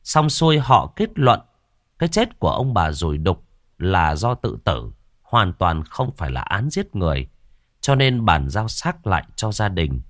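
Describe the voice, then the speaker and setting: A man narrating a horror story in a dramatic, expressive way. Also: low voice, unhurried, dry recording, clean studio sound.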